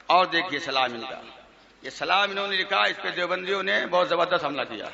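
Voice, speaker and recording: A man's voice: high voice, expressive, vocal fry. A male cleric lecturing a gathering, reading out verses in a mocking sing-song chant and laughing at them. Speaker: Islamic cleric. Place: large gathering with a noisy audience. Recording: dull lo-fi recording with a crowd.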